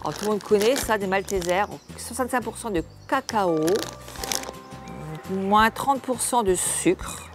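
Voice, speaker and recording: A woman's voice: mid-range voice, unhurried, music in the background. An older woman hosting a home cooking channel, chatting casually and homely to the camera as she unboxes food, often restarting her words.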